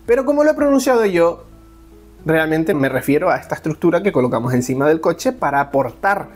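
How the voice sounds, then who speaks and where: A man from Spain, talking casually to camera as a vlogger, animated and jokey with big swings in his voice. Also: fairly quick, faint music behind. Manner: animated, with big pitch swings and joking asides. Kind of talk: casual explanatory vlog.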